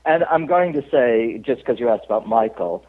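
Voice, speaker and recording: A man's voice: mid-range voice, animated, normal speed. Chatty man on a tinny phone line. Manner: chatty storyteller, laughs often, many fillers. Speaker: actor guest. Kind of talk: casual interview chat.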